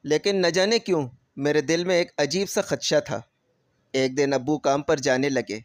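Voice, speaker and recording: A man narrating a scripted first-person story in a steady, emotional storytelling manner. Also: a little high, dry recording, studio quality.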